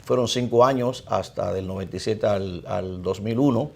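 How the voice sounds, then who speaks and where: A middle-aged priest with a Dominican Spanish accent, originally from the Dominican Republic, is interviewed as a guest. In a low voice roughened by gravel and vocal fry, he measuredly reflects on the course of his life.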